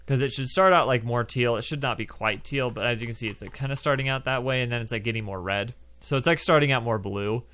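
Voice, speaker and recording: A man's voice: medium pitch, fast, hardly any pauses, a bit bright. A young man talks through a game coding tutorial in a loose, chatty way, full of fillers and asides. He speaks into a desk mic at his computer, and keyboard typing can be heard behind him. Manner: loose and chatty, lots of fillers, plays laser noises. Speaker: game development tutorial host. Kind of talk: casual screen-recorded coding tutorial.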